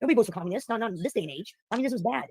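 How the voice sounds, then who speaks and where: A man's voice: high voice, lively intonation, very fast, darkish tone, husky, dry recording. An American man hosting a livestream, rambling through a profane, opinionated political rant in casual chat. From United States. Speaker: livestream host.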